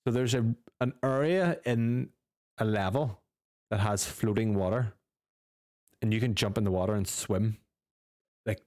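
A man's voice: on the low side, a little slow, long pauses, darkish tone, no room sound, clean studio sound. A man co-hosting a gaming podcast who chats casually, gives strong opinions, swears freely and reads out news items. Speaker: podcast co-host.

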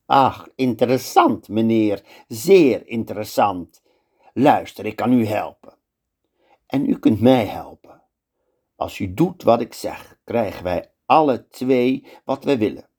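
A man voicing a sly male sorcerer who talks slowly and smoothly, conspiring. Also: fairly low pitch, animated, darkish tone, full character voice. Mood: scheming.

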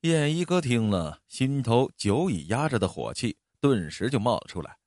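A man telling a traditional story in an expressive narrating voice, with dramatic rises and falls. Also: mid-range voice, moderate pace, no echo, studio quality.

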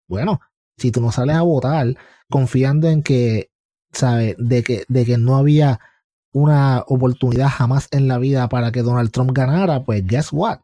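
A man's voice: mid-range voice, normal speed, mellow, no room sound, studio quality. A man from Puerto Rico with a Puerto Rican Spanish accent, an interviewer in casual conversation, chatty and anecdotal, slipping English words into his speech.

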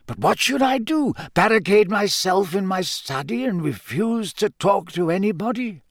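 A man performs an elderly wizard headmaster from a storybook. The voice sits high and swoops gently through measured, formal phrases. He is calm and authoritative, with a dry, whimsical wit. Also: dry recording. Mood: stern, kindly. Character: wise old male wizard headmaster, wry, calm and authoritative.

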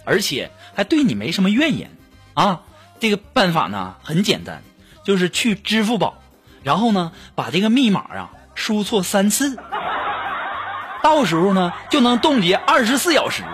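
A high-pitched man tells jokes about himself as a comedy host, laughing through his lines. His voice swings widely up and down. Light music plays behind him. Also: sing-song, moderate pace, a bit bright, slightly rough. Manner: chatty, self-mocking, laughing as he talks. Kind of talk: comic monologue with jokes.

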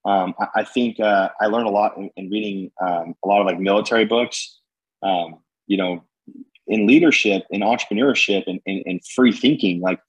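Young male guest, husky and energetic, rambling casual delivery. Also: fairly low pitch, normal speed, muffled recording. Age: young adult. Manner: energetic, rambling with many fillers and slang. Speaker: guest entrepreneur. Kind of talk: podcast conversation.

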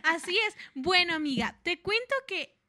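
A woman's voice: extremely high pitch, expressive, normal speed, bright, forceful tone. A young woman co-hosting a casual chat, teasing and joking in playful banter with her friend. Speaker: co-host.

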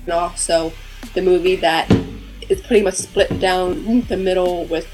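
A woman's voice: lowish voice, fairly even intonation, unhurried, music in the background, poor audio. A woman author who stutters heavily, with repeated sounds and blocks, talking casually in an interview.

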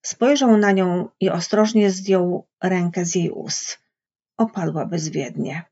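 A woman reading literary prose aloud in a measured storytelling manner, with a husky voice. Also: fairly low pitch, dark tone. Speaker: audiobook reader. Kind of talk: literary narration. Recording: dull lo-fi recording.

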